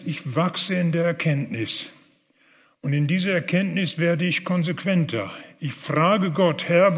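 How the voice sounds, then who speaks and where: A man preaching a sermon, earnest, rising loud on key phrases and dropping soft and low on prayers. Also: long reverb tail.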